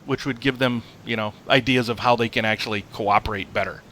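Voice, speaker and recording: A man's voice: medium pitch, fairly even intonation, a little fast, fairly bright tone, a little hiss or hum. A man hosting a podcast, chatting casually and reading out listener comments. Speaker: podcast host. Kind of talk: casual chat.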